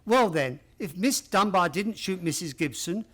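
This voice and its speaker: Man playing Doctor Watson, high-voiced and earnest. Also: lively intonation, normal speed, a bit bright, slightly rough, heavily acted. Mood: puzzled, astonished. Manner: old-fashioned, exclamatory. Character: earnest, puzzled gentleman doctor, detective's loyal companion. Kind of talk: radio play acting.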